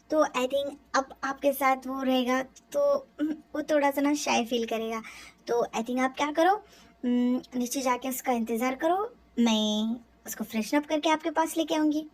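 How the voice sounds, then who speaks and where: A woman with a high, bright voice tells her own fan-fiction story casually. She keeps it chatty and drops English words in as she goes.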